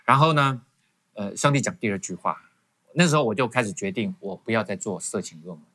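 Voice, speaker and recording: Man, quick speech, animated storytelling, restarts often, guest testimony. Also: on the low side. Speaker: guest professor. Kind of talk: personal testimony in interview.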